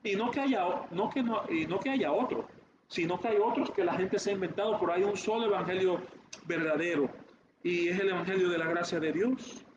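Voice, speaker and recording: A man preaching a Bible sermon to his congregation, halting with restarts and frequent "¿verdad?" asides. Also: high voice. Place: church hall. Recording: echoey room, dull lo-fi sound with noise.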